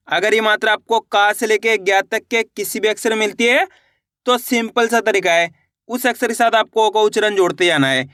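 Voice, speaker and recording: A man gives a patient beginner reading lesson in a smooth, clean voice. He sounds out each syllable slowly and repeats it, and often stops to check that the learner is keeping up. The recording is dry and close, with no room sound. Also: high-pitched, bright, forceful tone, no room sound. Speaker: teacher.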